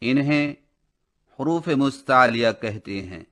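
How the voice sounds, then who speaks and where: A man's voice: mid-range voice, animated, takes it slowly, a bit bright. A man teaching a Quran recitation lesson in Urdu-accented speech, explaining rules and chanting letters with long held vowels. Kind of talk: tajweed lesson with slow drawn-out recitation.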